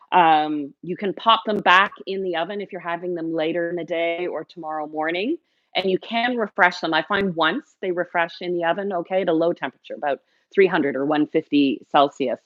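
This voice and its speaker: A woman's voice: lowish voice, no echo, muffled recording. Chatty woman baker hosting a live lesson. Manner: chatty and encouraging, talks to viewers directly. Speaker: baking show host.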